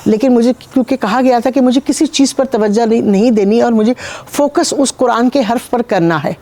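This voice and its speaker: A woman from Pakistan speaks as a guest healer in a sit-down interview. Her voice is mellow and warm, and she tells her story in a calm, measured way with frequent pauses. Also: a little high. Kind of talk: interview, recounting personal experiences.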